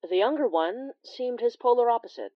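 Here the woman narrating the horror audio drama as a wry, observant immigrant healer uses a fairly high pitch and lively intonation, still confiding and measured with dramatic pauses. Her voice is natural, and the recording is dry and dull.

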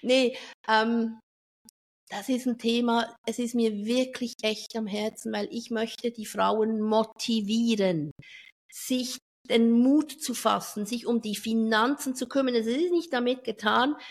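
A woman's voice: a little high, unhurried. Talkative middle-aged woman. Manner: lively and talkative, drifts off topic, laughs often. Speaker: event speaker and finance professional. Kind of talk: casual interview chat.

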